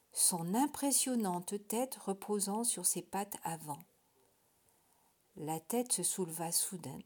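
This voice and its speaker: A woman reading a children's story aloud. Her narration is expressive, lifting for wonder and dropping to a soft, breathy hush in suspenseful moments. A steady, engaged storytelling voice. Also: mid-range voice. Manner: expressive, hushed in tense moments.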